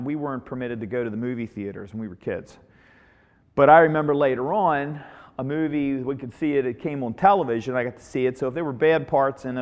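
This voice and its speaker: A man teaching a Bible study in an informal sermon, retelling a story in an animated way and often repeating his words. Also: mid-range voice, big-room sound.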